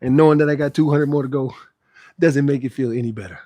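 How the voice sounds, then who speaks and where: A man's voice: medium pitch, fast talker, dark tone, dry recording, studio quality. A man who works as a fitness trainer, chatting casually and emphatically to livestream viewers between sets of pull-ups, repeating phrases for stress. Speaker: fitness trainer hosting a live workout stream. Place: outdoors under a roof.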